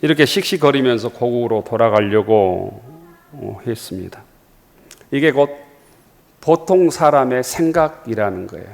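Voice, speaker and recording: Korean pastor preaching in a reverberant hall. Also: male voice, mid-range voice, expressive, moderate pace, gravelly, a little mellow. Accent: Jeolla Korean. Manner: earnest, repeats phrases for emphasis, rhetorical questions. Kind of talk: sermon. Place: church sanctuary.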